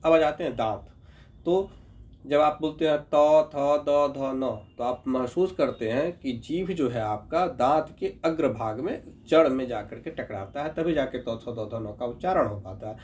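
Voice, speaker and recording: A man's voice: mid-range voice, lively intonation, darkish tone. A man teaching a grammar lesson, patiently sounding out letters and checking in with his students. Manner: patient, repeats sounds slowly, checks in with "ठीक है"; addresses viewers as "Babu". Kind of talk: explanatory lesson.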